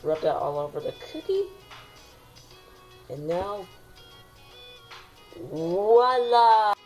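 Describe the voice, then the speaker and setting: A young boy filming himself in a home kitchen on a phone, chatty and excitable, full of fillers and calls of "guys". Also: sits high, extremely slow, soft background music, rough recording. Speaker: home cooking vlogger. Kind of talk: casual cooking vlog. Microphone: phone camera held close.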